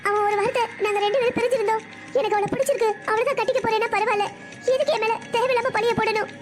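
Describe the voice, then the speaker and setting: A woman's voice: extremely high pitch, fairly even intonation, rapid-fire, music in the background. A woman voicing a tearful teenage girl in a cartoon. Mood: heartbroken. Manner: tearful, complaining. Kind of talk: cartoon voice acting.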